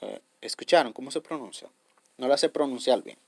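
A man's voice: mid-range voice, brisk, vocal fry, husky, no room sound. A man hosting a step-by-step app tutorial. He explains patiently, repeats himself, and keeps checking in with his viewers. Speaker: tutorial host.

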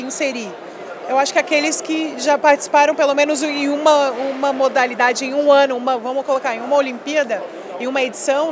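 Amid background noise at a busy expo hall, a high-voiced woman in her thirties who used to play volleyball chats emphatically in a casual interview. She sprinkles in lots of little fillers as the interviewer holds a handheld mic to her.

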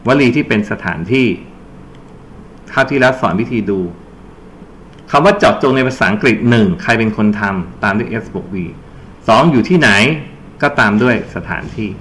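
A man's voice: medium pitch, animated, moderate pace, long pauses, a bit bright, slight background noise. A man teaching an English grammar lesson for exam preparation, explaining step by step and quizzing his students with prompts. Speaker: English tutor.

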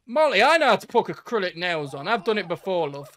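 A young man streaming reactions in a casual, laddish way, swearing freely. His voice is high and bright, with very animated pitch. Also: quick pace. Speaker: streamer reacting to video clips. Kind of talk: casual chat and reaction commentary.

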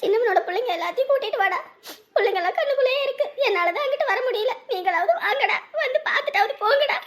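A high, quick-talking village mother, played by a woman, who is anxious and eager to have family gather, pleading with a laugh breaking through her tears. Her speech rushes along at a fast clip. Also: fairly bright tone. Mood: tearful joy. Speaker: mother of the girl. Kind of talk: village drama acting.

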